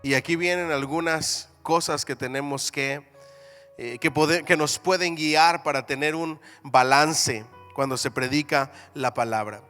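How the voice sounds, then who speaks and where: A man's voice: a little high, measured pace, pushed and bright, soft background music. A man teaching a Bible seminary class in a church hall, calling on the class to answer, repeat after him and say amen. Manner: call-and-response, asks the class to repeat; reads scripture aloud with emphatic rises.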